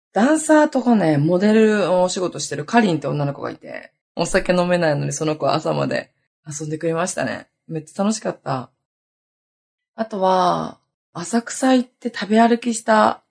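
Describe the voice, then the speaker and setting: A woman around thirty hosting her own podcast, hoarse today and chatting in a lively, rambling way with many asides. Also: sits low. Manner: chatty, animated storytelling with lots of asides. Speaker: podcast host. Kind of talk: casual solo podcast chat.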